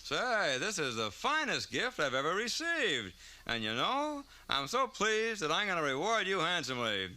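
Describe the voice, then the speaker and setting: A pompous, hot-tempered cartoon Sultan. He blusters in a sharp, rather high voice with wildly animated pitch. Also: normal speed, exaggerated voice. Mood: pleased.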